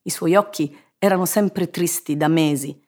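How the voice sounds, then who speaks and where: A woman narrating a children's story in an expressive, measured reading. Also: low voice. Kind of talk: scripted narration.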